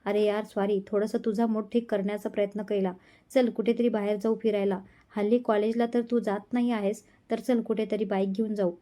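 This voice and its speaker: A woman's voice: medium pitch, flat delivery, brisk, dark tone, lightly acted. A woman voicing a playful young male friend in a storybook reading, teasing and coaxing.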